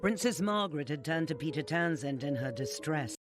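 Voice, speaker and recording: A man reads a documentary script in a measured, formal way. His voice is fairly high, and music plays clearly behind him. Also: lively intonation. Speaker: documentary narrator. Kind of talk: scripted narration.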